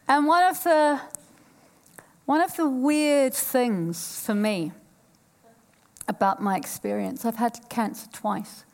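A woman's voice: on the high side, slow, gravelly, pauses often. A woman in her fifties from New Zealand, giving a frank, playful personal storytelling talk on stage and joking with a live audience. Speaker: speaker at a live event.

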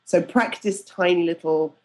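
Animated woman acting out her own quotes. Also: lowish voice, moderate pace. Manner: lively, acts out quotes with changed voices; laughs easily, self-deprecating. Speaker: guest, networking mentor and storytelling coach. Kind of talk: casual podcast conversation.

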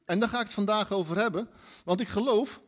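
A man's voice: high voice, quick pace. A man preaching a sermon, acting out quoted voices in his storytelling. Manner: animated, acts out quoted dialogue.

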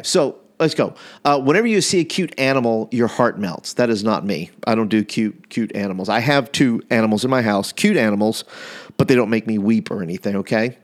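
Chatty rambling man, pastor type. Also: lowish voice. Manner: rambling, self-correcting, chatty. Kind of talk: casual chat.

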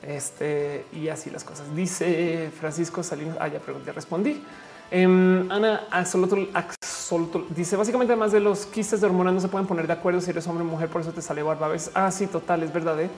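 A woman's voice: on the low side, fairly even intonation, a little fast, a little mellow, soft background music. Chatty Mexican woman reading comments. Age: 40s. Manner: chatty, reads comments aloud, laughs often. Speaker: streamer answering chat. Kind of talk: casual live chat.

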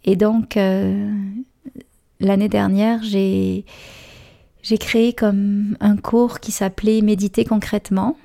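A woman with a Quebec French accent and a hoarse, raspy, gravelly voice, hosting a podcast casually and reflectively, searching for her words. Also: medium pitch, level tone, slow, mellow. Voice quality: raspy, gravelly voice recovering from voice loss. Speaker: podcast host and meditation teacher.

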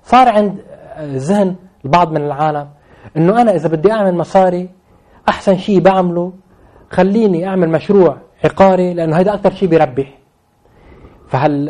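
A man's voice: high voice, dark tone. A man with a Lebanese Levantine Arabic accent explaining things off the cuff as an interview guest, emphatically repeating phrases to stress his points. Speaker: interview guest commenting on real estate.

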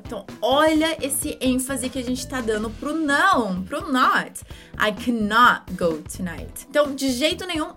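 A woman with a Brazilian Portuguese accent, an online English teacher, giving a video lesson and slowly repeating example phrases for practice. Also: on the high side, a bit bright.

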